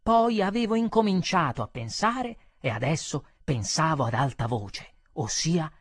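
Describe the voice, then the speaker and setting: A man reading a literary short story aloud, with expressive phrasing and dramatic pauses. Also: on the high side, background noise. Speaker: audiobook reader.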